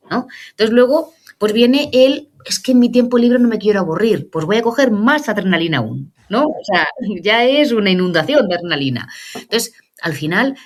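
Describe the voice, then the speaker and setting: Woman, 40s, psychologist guest, chatty, lively, checks in often. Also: on the low side. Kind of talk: casual podcast interview.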